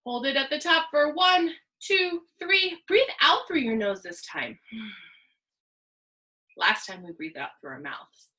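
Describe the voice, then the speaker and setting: Female kids show host type, PE teacher for little ones; very animated, high-pitched, call-and-response. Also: unhurried, pauses often. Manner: kids show host delivery, sing-song counting and simple encouraging instructions; addresses the viewer directly with call-and-response. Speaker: elementary PE teacher. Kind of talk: guided stretching lesson for young children.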